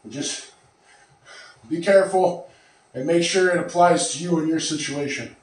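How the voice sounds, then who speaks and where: A man's voice: on the high side, moderate pace, far from the mic. Breathless man in an echoey room. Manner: rambling, breathless after lifting, clears throat often. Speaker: fitness vlogger. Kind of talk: casual talk to camera. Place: small home gym room. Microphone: far camera.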